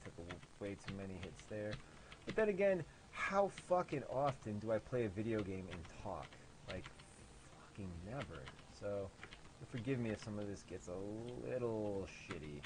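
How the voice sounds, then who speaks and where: Sarcastic low-voiced game developer. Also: male voice, normal speed, noisy background. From American Midwest. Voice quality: nasal. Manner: sarcastic, profane, self-deprecating. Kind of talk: gameplay commentary.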